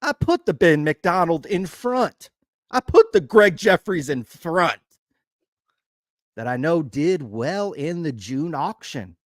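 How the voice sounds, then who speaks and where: A disgruntled Southern customer drags out every word in a slow, aggrieved drawl, as a man puts him on. The voice climbs higher than a normal speaking voice and swings widely in pitch, and it sounds close and dry. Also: very animated, no room sound. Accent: put-on Southern US. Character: grumbling middle-aged Southern man complaining about a card shop.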